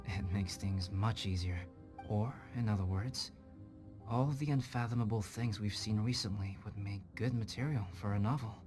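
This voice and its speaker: In scripted English video game voice acting, a man plays a calm, scholarly young alchemist who is an artificially created human. His lowish voice stays close to an everyday register, measured, articulate and contemplative as he explains things calmly, with prominent game music behind him.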